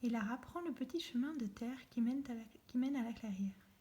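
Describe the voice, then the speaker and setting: A woman reading a children's story aloud, soft and often near a whisper. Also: a little high, fairly quick.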